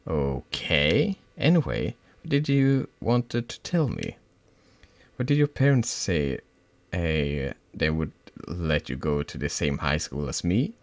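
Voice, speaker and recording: A man's voice: extremely low pitch, very animated, slow pace, dry recording, full character voice. A man voicing a frightened, hurt teenage schoolgirl who stammers and pleads. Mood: distressed. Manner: pleading, stammering, rising to shouts.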